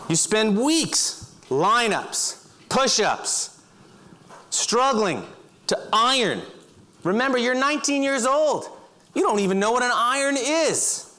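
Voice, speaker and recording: Guy on stage, high voice that swings all over, dramatic storytelling. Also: very animated, slow pace. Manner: vivid second-person storytelling with bursts of loud acted shouting. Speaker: speaker. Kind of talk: storytelling talk. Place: auditorium stage.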